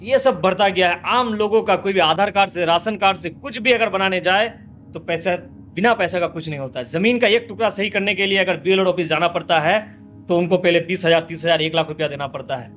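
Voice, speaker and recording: A man's voice: sits high, a bit bright. A man, a local politician, answering interview questions in impassioned, repetitive rhetorical lists. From West Bengal, India.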